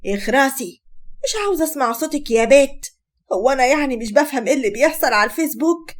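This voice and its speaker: A woman's voice: high voice, animated, fast. A woman with an Egyptian accent voicing a proud, middle-aged mother who scolds sharply. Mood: scolding.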